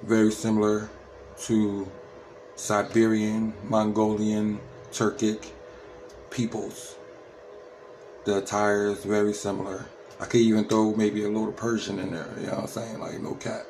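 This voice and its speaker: A man's voice: lowish voice, monotone, unhurried, a little mellow, a little hiss or hum, rough recording. A man in his thirties from New Jersey with an American accent, giving casual, slangy reaction commentary. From Trenton, New Jersey, USA. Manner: slangy, repetitive tag questions. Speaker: reaction video host.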